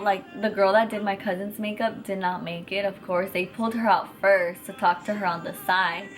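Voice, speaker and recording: Young california girl vlogging at home, excited chatty rambling, faint music behind. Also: medium pitch. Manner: chatty, excited, lots of fillers and retold quotes. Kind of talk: casual chat.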